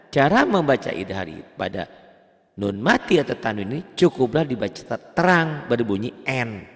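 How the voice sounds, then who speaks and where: An Indonesian man teaching a beginner tajwid lesson, who asks and answers his own questions and chants the Arabic examples slowly. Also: vocal fry, long reverb tail. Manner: explains plainly, then chants Arabic examples slowly in a high voice. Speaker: Quran recitation teacher.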